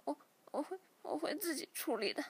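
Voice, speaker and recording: A woman's voice: sits high, very animated, fairly quick, dry recording, voice pushed up. A woman reading as a timid, stammering young woman. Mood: anxious. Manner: stammering, hesitant. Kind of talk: storytelling reading.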